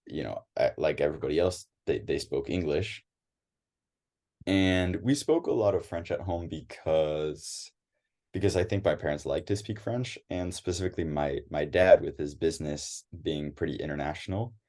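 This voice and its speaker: With a rumbling low, warm voice and a measured pace, a young man from the United States talks casually as an interview guest. He hesitates a lot, with frequent restarts and filler words.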